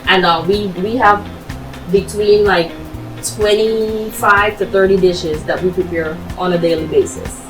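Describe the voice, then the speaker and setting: Talking unhurriedly in a steady, medium-pitched voice, this interview guest, a restaurant owner born in Guyana and raised in Barbados, explains things in a chatty way full of "you know." Faint music plays behind her, and the recording is rough.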